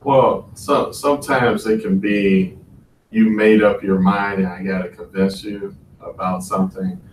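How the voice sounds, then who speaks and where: A man student giving a thoughtful, measured answer in a class discussion. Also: fairly low pitch, fairly even intonation. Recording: roomy, distant, faint noise.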